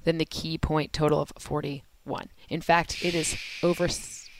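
A woman co-hosting a casual football chat, running through stats quickly, correcting herself mid-sentence and laughing easily. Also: low-pitched, level tone, vocal fry, background noise. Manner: rapid stat-heavy analysis, laughs easily, self-corrects. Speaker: sports podcast co-host and analyst. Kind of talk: casual sports analysis chat.

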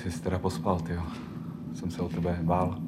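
An uneasy, brusque man, played by a male actor in a radio drama. His voice is very deep and sits under a loud hiss. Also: completely flat delivery, close to an everyday voice. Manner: brusque, then soothing. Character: anxious man, defensive and brusque.

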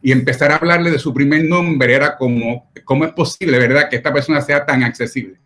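A man's voice: mid-range voice, fairly quick, fairly bright tone. A middle-aged man, a pediatric doctor telling personal stories in an interview in an earnest, emotional way, often adding tag questions. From Puerto Rico. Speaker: pediatric nephrologist.

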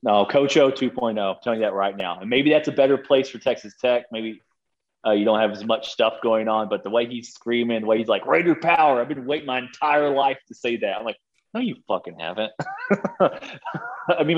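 A man in casual sports-betting chat, rambling and quick to laugh. His voice sits at an ordinary pitch, and the recording sounds dull and lo-fi, as if the mic has its top end cut. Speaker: sports podcast co-host.

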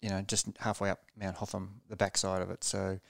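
A man, a former racing cyclist, telling a story as a podcast guest in a measured, low-key way and often restarting his phrases. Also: little pitch movement, gravelly, no echo. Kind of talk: reflective storytelling in a podcast interview.

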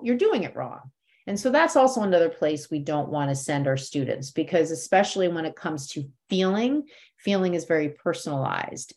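A woman's voice: lowish voice, roomy sound. A woman who hosts a podcast and trains yoga teachers, explaining cues in a conversational way and acting out her sample cues with shifting inflection. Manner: conversational, uses vocal inflection to demonstrate cues. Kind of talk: teaching talk.

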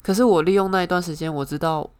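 Soft-spoken young Taiwanese woman guest. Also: fairly low pitch, fast talker, clean tone. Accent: Taiwanese Mandarin. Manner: modest, soft-spoken, laughs at herself. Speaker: volleyball player guest. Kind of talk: casual chat.

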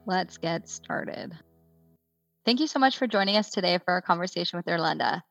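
A woman's voice: on the low side, lively intonation, moderate pace, creaky, fairly bright tone, no room sound, highs cut off. A woman hosting a podcast, reading a scripted introduction and asking questions in an upbeat, welcoming way. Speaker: podcast host. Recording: dry close recording with faint music.

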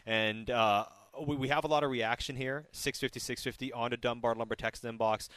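A man hosts a live sports radio post-game show. He talks quickly at a middle pitch, and the sound is dry and studio-close. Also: fairly even intonation, a bit bright, clean tone, no echo.

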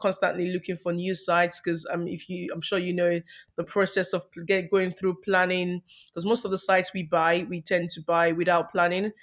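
A woman answers questions in a casual interview. Her pitch moves little, giving an even delivery. She is upbeat but hesitant, often repeating words mid-sentence. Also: moderate pace. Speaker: podcast guest, property developer.

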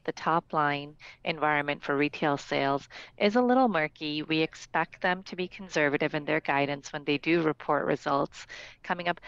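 A woman with a low, smooth, resonant voice lays out her analysis in a measured, explanatory way. The sound is dry and a little muffled, like a remote line. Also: fairly bright tone, no room sound. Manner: measured, explanatory, cites figures. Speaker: retail analyst guest. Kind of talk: analytical commentary.

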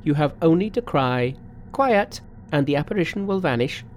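Guy doing a cocky brave monkey character for a storybook, voice way up high, bossy but reassuring. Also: lively intonation, darkish tone, a little hiss or hum, lightly acted. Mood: confident, reassuring. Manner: brisk, commanding, reassuring. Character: bold, confident magical monkey hero.

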